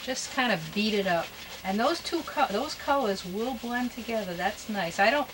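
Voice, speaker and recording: A woman gives a casual painting demonstration as a gentle, encouraging instructor. Her talk is easygoing and folksy, with chatty little asides to herself, at an ordinary mid female pitch. There is some noise behind her voice.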